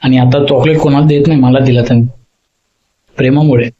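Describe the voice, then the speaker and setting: A man's voice: mid-range voice, fairly even intonation, fairly quick, dark tone. A man talking in a casual vlog, rambling and emotional as he opens up about his feelings. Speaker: vlogger. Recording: slightly dull lo-fi audio.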